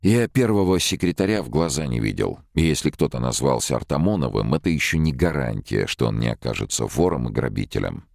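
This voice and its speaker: A man's voice: extremely low pitch, expressive, fairly quick, vocal fry, few pauses, a little mellow, no echo, clean studio sound, heavily acted. A man voicing a blunt, weary emigrant. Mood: sardonic. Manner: blunt, sardonic. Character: weary defiant émigré man, middle-aged. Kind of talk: audiobook character voice.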